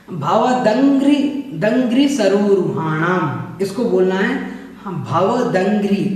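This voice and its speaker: A man teaching a religious text, patiently repeating each word slowly so listeners can practise. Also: high voice. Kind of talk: scripture pronunciation lesson. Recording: echoey distant room recording.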